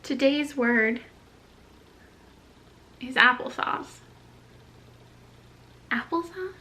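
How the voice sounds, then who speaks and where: A woman book vlogger chatting casually about words and books, wry and quick to laugh at herself. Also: high voice, bright, forceful tone, slight background noise. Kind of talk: casual vlog chat.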